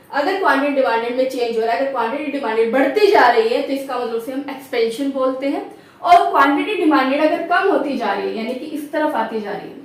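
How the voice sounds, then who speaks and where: A woman's voice: high-pitched, far from the mic. A woman teacher explaining a lesson step by step, often checking understanding and asking rhetorical questions. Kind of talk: classroom lecture. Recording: echoey room, voice off-mic.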